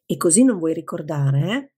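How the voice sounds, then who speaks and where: A woman's voice: low-pitched, big pitch swings, normal speed, dark tone, slightly rough, exaggerated voice. Cromwell, a woman voicing a cheerful young man. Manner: friendly, amused. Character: cheerful young man, red-haired reader.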